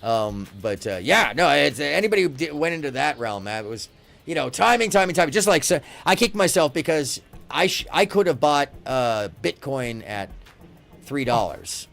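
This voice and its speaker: A middle-aged American man hosting a casual live stream, chatting in a halting, rambling way that often circles back. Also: on the high side, very animated, vocal fry, a bit bright. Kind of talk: casual chat. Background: faint music.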